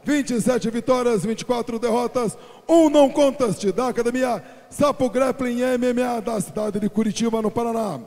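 A man with a Brazilian accent giving a booming, formal stage introduction as a fight announcer, drawing out shouted names. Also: moderate pace. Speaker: cage-side ring announcer. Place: fight cage in a large venue. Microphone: handheld microphone. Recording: echoey PA in a hall.

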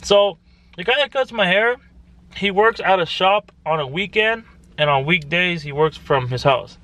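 A man's voice: sits high, lively intonation, normal speed, pushed and bright. A young man vlogging in a casual, joking, slangy way, calling himself "your boy". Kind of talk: casual vlog chat. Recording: outdoor street noise.

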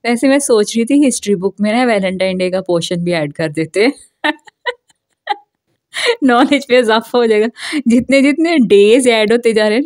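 A woman's voice: mid-range voice, dry recording, clean studio sound. A young woman, chatting casually and joking as she walks through a shopping mall with her phone camera. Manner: chatty, jokey, laughs often between remarks. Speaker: shopping vlogger. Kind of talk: casual walk-through vlog. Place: indoor shopping mall, walking through aisles.

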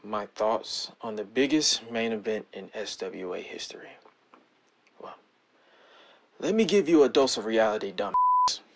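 A man's voice: on the low side, animated, measured pace, pauses often, slight background noise, pitched below the performer's own voice. A man playing an arrogant, profane male wrestler cutting a sneering promo in a cocky, trash-talking manner. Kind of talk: wrestling promo role-play.

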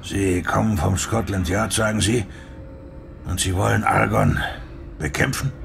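A man reading an audiobook, voicing a gaunt, wild-eyed man with a scratchy, rough voice who growls threats. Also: lowish voice, steady tone, unhurried. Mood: shaken.

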